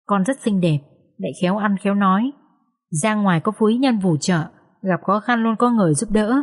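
A woman's voice: mid-range voice, moderate pace, lightly acted. Woman reading as a solemn old fortune-teller.

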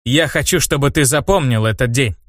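A stern older-brother mage from a fantasy storybook, lecturing in a reproachful, measured way at a mid-range pitch, as a man reading the tale voices him. The delivery is dry and close, with no room sound. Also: no room sound, natural voice.

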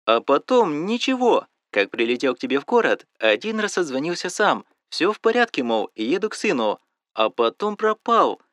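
A man playing a worried middle-aged mother from an audiobook, nosy and fussy, always asking one more question. The voice sits a little high and moves up and down a lot. It is close and dry, with no room around it. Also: big pitch swings, moderate pace, a bit bright, no room sound. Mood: fussing. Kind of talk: audiobook dialogue.

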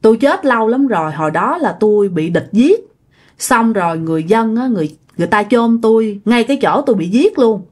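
A woman voicing a miserable, starving old woman ghost who pleads and whines in a thick, husky voice. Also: a little high, lively intonation, fairly quick, a little mellow. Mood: eerie. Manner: whiny, pleading, repeats herself.

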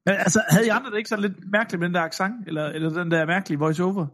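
A man's voice: sits high, steady tone, fairly bright tone. A man from Denmark co-hosting a film podcast, chatting casually and laughing as he mimics accents. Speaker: podcast co-host.

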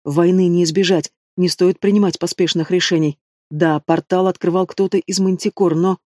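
A man's voice: high-pitched, fairly even intonation, moderate pace, a little mellow, no echo, clean studio sound, natural voice. A man reading an audiobook, voicing a frightened young princess who talks in a trembling, pleading way.

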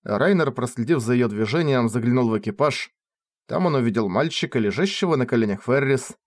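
A male narrator reads a fantasy novel aloud with lively, expressive intonation. His voice sits at a middling pitch and moves up and down a lot through each sentence. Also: fairly quick. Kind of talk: audiobook narration.

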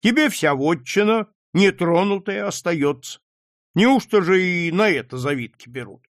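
A man voicing a stern, gruff old male provincial captain scolding his grown son. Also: high-pitched, animated, measured pace, no echo, clean studio sound. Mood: angry. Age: older.

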